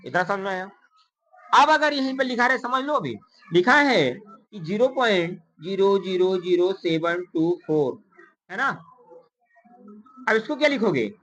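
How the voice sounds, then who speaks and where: A woman math teacher counts digits aloud in a classroom lesson, mixing in English number words and quizzing her pupils with repeated questions, coaxingly calling them "beta." Her mid-range voice is animated and a bit bright, with a measured pace and frequent pauses. The recording is low quality.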